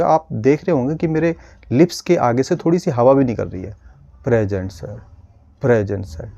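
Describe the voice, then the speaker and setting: Patient male speech teacher, warm low-key tone, demonstrates sounds slowly. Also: no echo, lo-fi sound. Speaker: speech therapist. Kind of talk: instructional video lesson.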